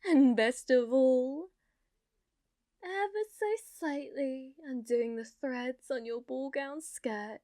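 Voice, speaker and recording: A woman with a high, slightly mellow voice plays a gloating, mocking villainess, a sadistic and haughty young noblewoman, in an ASMR roleplay. She taunts theatrically and often whispers breathily, in a dry, studio-quality recording.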